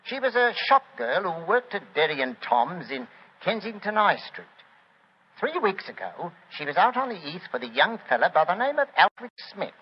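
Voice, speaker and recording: An actor playing a harried, dogged English police inspector in a 1940s radio drama, earnest and emphatic. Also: male voice, sits high, very animated, moderate pace, husky, full character voice. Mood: reporting. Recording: dull 1940s radio recording.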